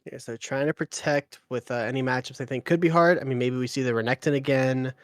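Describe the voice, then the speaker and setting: A man's voice: mid-range voice, no echo. Man, play-by-play esports caster, chatty, teasing, lots of "uh", dry close sound. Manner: chatty, fills pauses with "uh", teasing banter. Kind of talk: live esports draft commentary.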